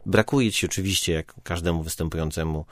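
In a dry, studio-quality recording, a low-voiced man talks fairly quickly as a podcast guest. A stage comedian and improviser, he chats casually and hesitantly, thinking out loud with sentences that trail away.

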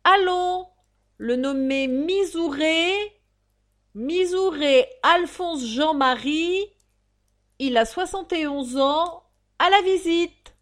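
A woman reading an audiobook, voicing a male convict who calls out prisoners' names in a loud, drawn-out shout. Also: high-pitched, pitched above the performer's own voice. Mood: bellowing.

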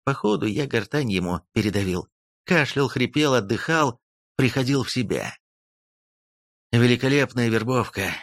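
A man narrating a first-person fantasy audiobook in an expressive, sardonic storytelling manner. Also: medium pitch, normal speed, creaky, dry recording, clean studio sound.

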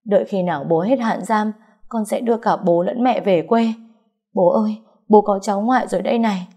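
A woman voicing a grief-stricken young woman who cries hoarsely over her dead father in an audiobook story. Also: mid-range voice, slow, voice pushed up. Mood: anguished wailing. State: crying.

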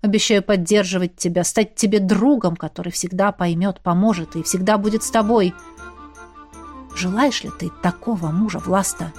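A woman voicing a brooding male warrior who speaks softly and intimately, recorded dry and close. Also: medium pitch, measured pace, vocal fry, faint music behind. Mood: tender. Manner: soft, hushed, intimate. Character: brooding male warrior lover, low and tender.

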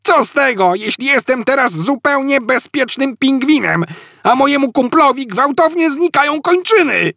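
Man doing a worked up alien guy, pitched up, loud and husky. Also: sing-song, unhurried, no room sound, clean studio sound. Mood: furious. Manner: agitated, explaining loudly. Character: excitable alien man, hitchhiking know-it-all.

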